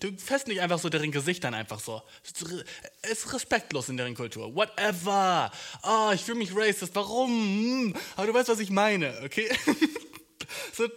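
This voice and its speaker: A young man rambles through a casual podcast monologue, leaning on slang and endless fillers. His voice sits a bit high for a man. He keeps circling back with "Dude" as he talks straight to the listener. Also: pushed and bright.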